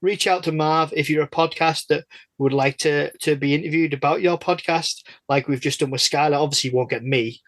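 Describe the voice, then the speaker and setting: In a casual podcast interview, a man serving as guest host chats in a jokey, rambling, self-mocking manner. He speaks briskly, with a fairly high, slightly bright voice and fairly even intonation.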